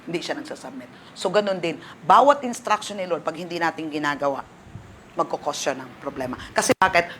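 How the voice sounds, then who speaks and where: A woman's voice: low-pitched, a little hiss or hum. A woman pastor with a Filipino accent, telling a testimony in a sermon and mixing in English phrases. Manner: animated storytelling, switching between Tagalog and English.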